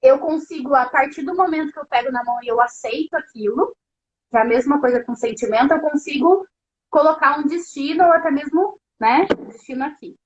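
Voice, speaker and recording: A woman's voice: high voice, brisk, dull audio. A woman therapist hosting a casual live stream, talking straight to her viewers with lots of fillers. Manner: conversational, addresses viewers directly, many fillers. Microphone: phone or laptop mic on a live stream.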